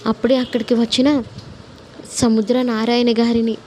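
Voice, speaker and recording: A woman narrating a story in a steady, even-toned reading. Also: a little high, normal speed, slight background noise.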